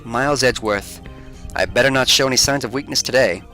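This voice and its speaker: A man's voice: mid-range voice, fairly quick, soft background music, close to an everyday voice. Phoenix Wright, a man doing a nervous lawyer. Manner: quiet, worried inner musing. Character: nervous young male defense lawyer. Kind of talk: fan voice-over of a video game.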